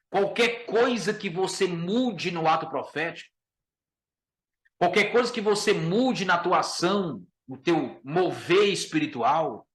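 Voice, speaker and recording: In an echoey room, a Brazilian-Portuguese-accented pastor with a high, somewhat bright voice teaches a Bible lesson. He speaks emphatically, keeps repeating his main phrases, and addresses listeners as brother.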